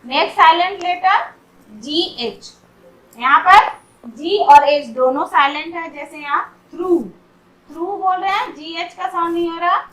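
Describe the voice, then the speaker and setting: Slow, bright-voiced woman teaching pronunciation. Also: very high voice, reverberant, distant mic, poor audio. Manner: says each word slowly, then gives its meaning. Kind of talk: slow explanatory lesson.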